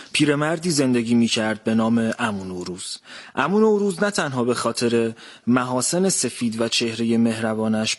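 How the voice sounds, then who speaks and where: A man reading his own short story aloud as a contest entry, in a calm storytelling manner. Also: medium pitch.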